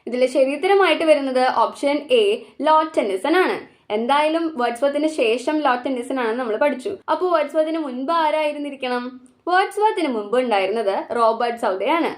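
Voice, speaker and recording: A woman with a Malayali accent who reads out exam questions slowly and then explains the answers at a quick pace. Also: sits high, expressive. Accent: Malayali English. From Kerala, India. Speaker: exam prep teacher.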